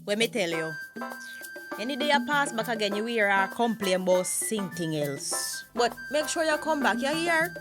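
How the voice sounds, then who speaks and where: Woman as jamaican grandkid intro-ing granny's story, wry n fed up, highish voice over clear music. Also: big pitch swings, moderate pace. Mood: wry, exasperated. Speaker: narrator. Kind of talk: audio-story narration.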